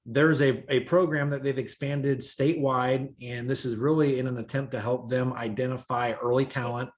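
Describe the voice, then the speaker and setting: Man on a video call, uneven volume. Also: medium pitch. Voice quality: halting, many "uh" fillers. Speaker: school administrator giving a report. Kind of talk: board meeting report.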